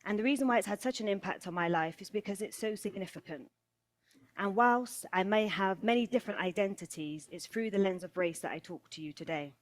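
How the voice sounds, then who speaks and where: A middle-aged British woman from England giving a storytelling talk, rhythmic and deliberate, slowing and pausing for emphasis and returning to a rhetorical refrain. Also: mid-range voice. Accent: British English. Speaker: speaker.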